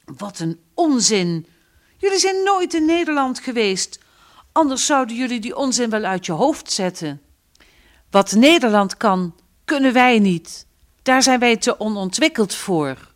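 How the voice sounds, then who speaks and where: A woman's voice: medium pitch, expressive. A woman reading the part of a proud father who served on a submarine, flaring up in anger. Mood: indignant. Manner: gruff, quick to flare up. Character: Surinamese father, a proud navy man.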